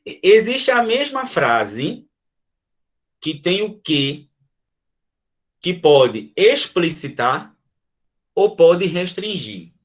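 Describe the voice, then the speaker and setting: Higher-voiced man teaching grammar. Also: big pitch swings, drawn-out words, pauses often. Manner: checks in with listeners, often adding "tá?"; repeats and restates examples. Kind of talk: grammar lecture to a class.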